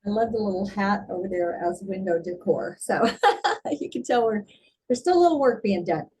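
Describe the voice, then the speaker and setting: A woman co-hosting a casual house tour, passing on questions in halting, hesitant phrases, recorded at a distance from the mic. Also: medium pitch, animated, warm tone. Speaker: co-host relaying viewer questions. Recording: distant mic with clear background noise.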